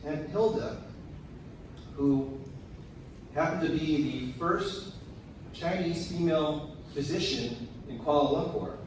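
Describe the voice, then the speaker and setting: In a big memorial-service room, a man speaks at a slightly mellow medium pitch, delivering the prepared eulogy for his parent tenderly and with measured, deliberate pauses. The mic sits far away, leaving the sound very reverberant, remote, and noisy.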